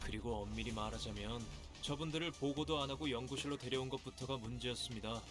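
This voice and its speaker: A man's voice: mid-range voice, very fast, over music, lightly acted. A man voicing a dry, formal office worker. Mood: weary. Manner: formal, matter-of-fact.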